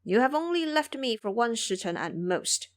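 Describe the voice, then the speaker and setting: A woman voicing a pious, gloomy male monk in an audio drama, plaintive and gently scolding. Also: fairly high pitch, sing-song, moderate pace. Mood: reproachful. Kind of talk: audio drama character acting.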